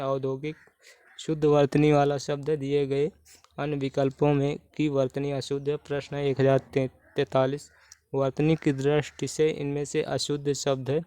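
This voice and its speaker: A man explains Hindi spelling questions for exam preparation, working through each one methodically and restating the answer. His voice is smooth and clear and sits fairly high, with a flat, even delivery. It is recorded close and dry. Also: no room sound. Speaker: Hindi exam-prep teacher.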